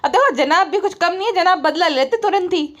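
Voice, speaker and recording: A woman's voice: very high-pitched, lively intonation, brisk, a bit bright. A woman doing sarcastic, mocking parody commentary in a chatty, scolding way. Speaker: comedy commentator.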